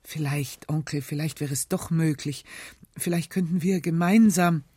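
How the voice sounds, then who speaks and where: A woman's voice: sits low, normal speed, mellow, husky, no room sound. A woman reading aloud as a young male officer who pleads with his uncle, hesitant and eager. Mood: pleading. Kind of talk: literary reading on radio.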